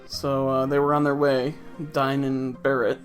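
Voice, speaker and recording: A man's voice: medium pitch, monotone, measured pace, soft background music. A man casually commenting on his own gameplay with wry, offhand, sarcastic asides. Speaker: let's play host.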